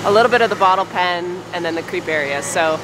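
A woman's voice: lowish voice, fast talker. Chatty woman farmer in a noisy barn. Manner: chatty, thinks aloud with restarts. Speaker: sheep farmer vlogger. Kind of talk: casual vlog chat. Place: large covered sheep barn. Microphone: camera at arm's length. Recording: barn noise behind.

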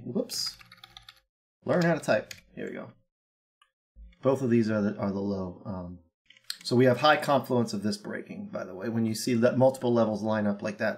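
This is a young man analyzing crypto markets in a loose, joking, brash manner, stumbling through lots of ums and uhs. His medium-pitched voice sounds a little scratchy from a cold, and he's recorded on a webcam in a small room.

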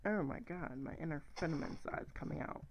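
Young guy rambling through his game, kinda high voice, swears a lot, faint hum behind. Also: brisk, poor audio. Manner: rambling, thinks aloud, self-correcting, swears casually. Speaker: gaming channel host. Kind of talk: casual game commentary.

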